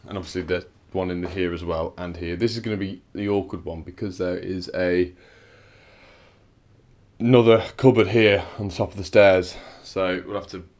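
Indoors in a house being rewired, an electrician narrates a casual work vlog, chatting dryly as he explains his work and getting out of breath at times. His low, darkish voice stays steady at a normal speed.

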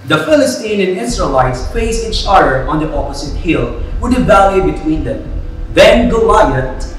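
A man's voice: high-pitched, sing-song, moderate pace. A young man telling a Bible story to young teens, friendly and asking them questions along the way. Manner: friendly, asks the audience questions. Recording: echoey, distant mic, music behind.

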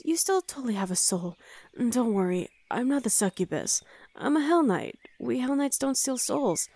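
In an intimate ASMR roleplay, a woman voices a gentle, flustered young demon hell knight, hesitant and soothing, often dropping into a breathy whisper. Her pitch is fairly high and sing-song, her pace moderate, and there's no room sound. She comes across as reassuring yet hesitant.

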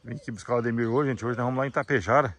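A vlog host films a visit to a rural house and its yard, chatting casually to viewers in a folksy way full of little check-in tags. His medium-pitched voice is fairly bright, and he talks rapid-fire.

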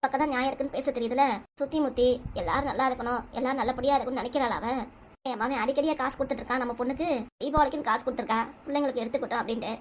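A woman voicing an aggrieved middle-aged mother in a cartoon comedy, with a southern Tamil accent and rapid, indignant complaining. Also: high voice, steady tone, slight background noise, close to an everyday voice. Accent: southern Tamil, Tirunelveli.

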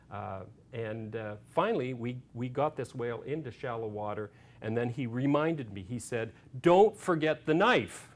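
A man telling a story to an audience, with many "uh"s, stops and restarts as he goes. His voice sits at an ordinary middle pitch. A faint low rumble sits under the recording. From Canada. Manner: halting anecdote, many fillers, gets animated and loud retelling shouts. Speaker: author giving a talk. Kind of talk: storytelling public talk.

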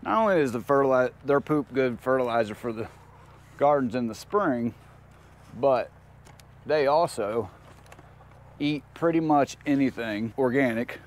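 A homestead vlogger in a backyard chicken run chats casually with viewers and the animals, peppering his talk with folksy slang. His mid-range voice has lively intonation, and he speaks unhurriedly with long pauses, recorded outdoors on a handheld camera.

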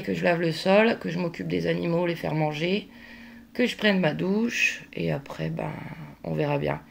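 A woman's voice: on the low side, creaky, slight background noise. A woman talking casually in a daily vlog, exasperated and worn out, venting with lots of fillers. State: worn out, at the end of her tether. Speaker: vlogger.

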